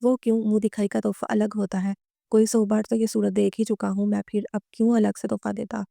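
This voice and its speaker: A woman's voice: medium pitch, level tone, quick pace, gravelly, dark tone, no echo, studio quality. A woman voicing a self-assured young husband who teases playfully and unhurriedly in a recorded novel reading. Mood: teasing.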